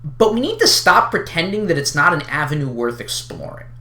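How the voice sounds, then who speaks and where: Exasperated, unhinged ranter with a bright, swooping voice. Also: mid-range voice, big pitch swings, a little fast, echoey room. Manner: exasperated, wild unhinged ranting with sarcastic emphasis. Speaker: online video creator addressing a community. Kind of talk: unscripted opinion rant to the listener, casual and sweary.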